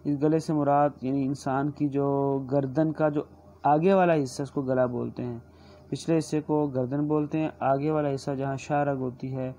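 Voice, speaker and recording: A man with a Pakistani Urdu accent giving a recorded exam-prep lecture, explaining word meanings slowly and deliberately, repeating glosses. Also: mid-range voice, steady tone, mellow, slight background noise. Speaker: teacher.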